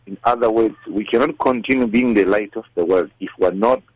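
Husky South African man, devotional talk. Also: fairly low pitch, brisk, a little mellow, dry recording, rough recording. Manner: mixes English with a Nguni language. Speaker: radio discussion guest.

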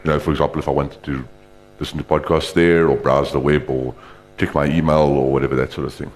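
Demonstrating screen reader software live, this man keeps things casual and rambling, often starting over mid-thought. He has a rumbling low voice, speaks quickly, and holds a level tone.

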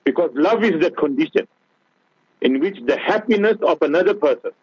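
Heard over a tinny radio line that sounds like a phone, this man has a South African accent and serves as a guest scholar giving an earnest religious talk, often directed at the host. His voice sits a little high and is expressive, somewhat mellow, and breathy, at a moderate pace with no room sound.

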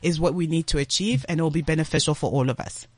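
A woman's voice: deep voice, fairly even intonation, fast, darkish tone, husky, dry recording. A woman from Congo who grew up in South Africa, a studio guest in an interview, arguing earnestly in numbered points. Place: radio studio.

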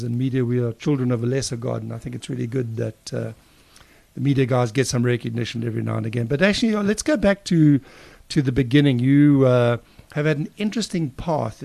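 A jovial man in his sixties, co-hosting a podcast in an energetic, chatty presenter manner. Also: medium pitch, vocal fry, dry recording. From South Africa. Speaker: podcast co-host. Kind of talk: casual podcast chat.

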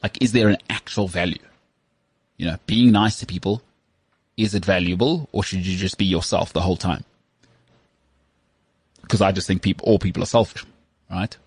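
A man's voice: sits low, normal speed, pauses often, husky, no echo. A man in his thirties hosting a casual chat, rambling and self-mocking with lots of restarts. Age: 30s. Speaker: podcast host.

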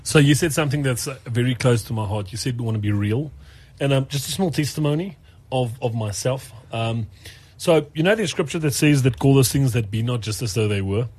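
A man's voice: medium pitch, fairly quick, slightly rough. A man who works as a radio presenter, telling a personal story in casual talk, acting out the lines of other people with many restarts. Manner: animated storyteller, acts out quotes, many restarts. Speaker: radio presenter and podcast host.

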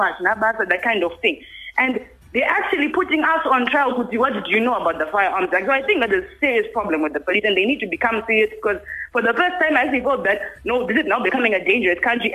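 An indignant woman caller, sounding bright and a little husky. She comes through a thin phone line, with soft music playing underneath. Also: on the high side. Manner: indignant, insistent, repeats words. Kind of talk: call-in radio question.

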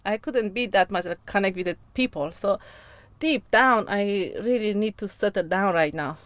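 Giggly Iranian woman speaking halting English. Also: mid-range voice, a bit bright, no room sound. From Iran. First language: Persian. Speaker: guest. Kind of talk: casual chat.

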